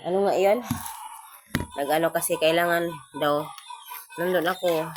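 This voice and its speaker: A woman vlogger with a Visayan Filipino accent talks casually, having just woken up. Her voice is on the low side, groggy, hoarse and nasal from a cold. The home recording is clearly noisy. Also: fairly even intonation, moderate pace. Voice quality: stuffy nasal, congested. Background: noisy chickens.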